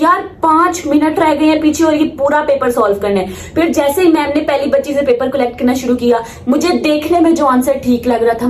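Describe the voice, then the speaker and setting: A late-teen Pakistani student vlogger chats casually with viewers in a high, slightly mellow voice, with reverberant sound and faint noise in the background. She comes across emphatic and opinionated and mixes English phrases into her speech.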